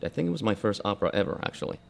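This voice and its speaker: A man's voice: fairly low pitch, very animated, very fast, vocal fry. A scenic designer from Argentina speaking in a documentary interview, reflective and searching for his words.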